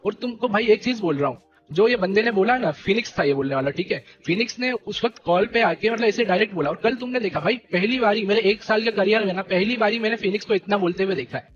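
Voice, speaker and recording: A young man leading a gaming team, ranting to his stream viewers in an animated, indignant way and repeating fillers. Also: high-pitched, fast talker, dull audio, music in the background. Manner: animated and indignant, keeps repeating "theek hai" and "bhai". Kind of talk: heated live-stream rant.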